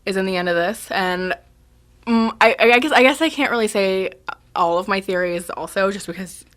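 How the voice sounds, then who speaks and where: A woman's voice: medium pitch, normal speed, fairly bright tone. A young woman co-hosting a casual book podcast, chatty and rambling with lots of fillers and restarts. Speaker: podcast co-host. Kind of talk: casual chat.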